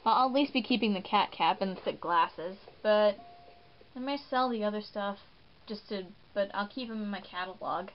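A woman's voice: mid-range voice, normal speed, a little hiss or hum. A woman hosting a gaming video in casual, rambling commentary, often poking fun at herself. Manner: chatty, rambling, self-mocking. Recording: muffled, with game music behind.

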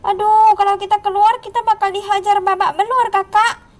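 A scared little girl in a kids' game video, as a woman puts her on, calling for her big sister in a whimpering, pleading voice. The voice sits very high and thin. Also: level tone, normal speed. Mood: anxious. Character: frightened little girl Mio, young sister.

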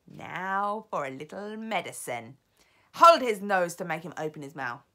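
The Grand High Witch, a woman putting her on. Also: big pitch swings, a little slow, a bit bright, full character voice. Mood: gloating. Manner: barking, contemptuous orders. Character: cruel commanding old witch queen, a woman.

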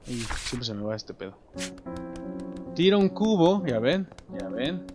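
A young man with a Mexican accent giving joking, animated let's play commentary, talking to himself and his viewers as he plays. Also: mid-range voice, measured pace. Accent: Mexican Spanish. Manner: animated, jokey, talks to himself and viewers while playing. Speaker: gameplay commentator. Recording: background game music.

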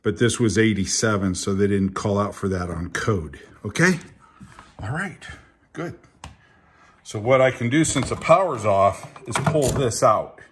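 In a fairly low, slightly bright voice, an older man unhurriedly walks viewers through a home repair, chatty and folksy and checking in with them often. The casual how-to takes place in a small indoor kitchen. A tripod camera mic set back from him records an echoey room with clear work noise.

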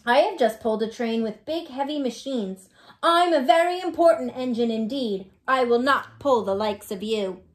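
A woman's voice: a little high, normal speed, close to an everyday voice. A woman voicing a proud, boastful big male engine in a storybook reading, sounding haughty and dismissive.

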